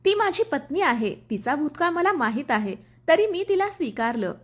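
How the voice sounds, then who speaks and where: A woman's voice: sits high, very animated, normal speed. A woman voicing an earnest, protective young husband in a storybook reading, speaking firmly and pleadingly.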